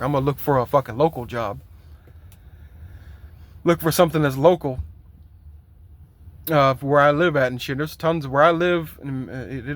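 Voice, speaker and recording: Profane, fed-up trucker ranting. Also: male voice, mid-range voice, no echo. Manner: heavily profane, aggravated complaining; loose, rambling with fillers and repeats. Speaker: truck driver. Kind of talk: venting vlog rant.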